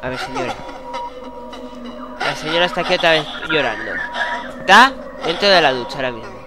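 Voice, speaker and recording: A man's voice: a little high, expressive, a little fast, loud music behind the voice. Jokey cursing gamer man. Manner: swearing, jokey, frustrated, mutters. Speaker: gaming channel host. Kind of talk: horror game let's play commentary.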